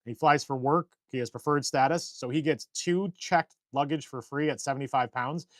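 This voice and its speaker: A man co-hosting a casual live stream from a shed workshop, talking in long rambling, animated stories. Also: mid-range voice, moderate pace, no room sound. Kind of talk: casual chat.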